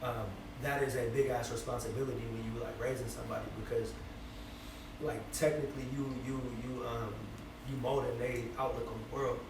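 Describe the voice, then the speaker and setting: A man's voice: mid-range voice, level tone, fairly quick. A man in his twenties with a Bay Area accent, a rapper guest talking loosely and reflectively, full of fillers. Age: 20s. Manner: loose, reflective, many fillers and "you feel me". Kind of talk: casual interview chat. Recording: echoey room, distant mic, noisy.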